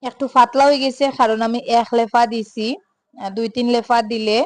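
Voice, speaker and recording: A young woman with a Sylheti accent talks casually through her home vlog, drifting between dialect and standard speech and pausing on small hesitation sounds. Her voice sits a little high and the recording is dry and close. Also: fairly even intonation, darkish tone, dry recording. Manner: chatty, mixes Sylheti and standard Bengali, many filler sounds. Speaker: home vlogger.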